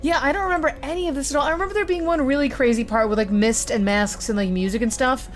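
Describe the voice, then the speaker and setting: A woman's voice: sits high, quick pace, faint music behind. A young woman giving chatty, sarcastic commentary while playing a video game. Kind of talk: casual let's-play commentary.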